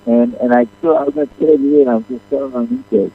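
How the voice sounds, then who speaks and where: A man's voice: fairly high pitch, very animated, fast, vocal fry, no echo, narrow, tinny audio. Man on a flip phone held away. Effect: faint and distant, phone held away from the mouth. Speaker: former boxer calling in. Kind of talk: casual radio call-in chat. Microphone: old flip phone.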